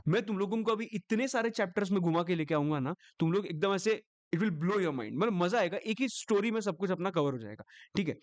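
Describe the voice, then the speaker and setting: Indian tax teacher guy, slightly high voice, dry close sound, keeps asking "understanding? pakka?" and stretches out the key bits. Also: lively intonation, no echo. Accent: Indian English. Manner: quizzing students with rhetorical questions, drawing out key phrases slowly; mixing Hindi and English in one sentence. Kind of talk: exam revision lecture.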